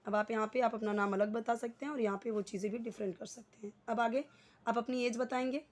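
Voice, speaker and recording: A woman with an Indian accent teaching an English lesson in Hindi, patiently explaining and slowly repeating example phrases. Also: on the high side, steady tone.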